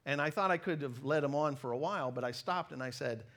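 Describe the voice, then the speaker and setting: This middle-aged American former missionary preaches in a fairly high, fairly bright voice, mixing personal stories into his sermon. His manner is conversational, emphatic, and self-deprecating, with pauses deliberately placed between phrases.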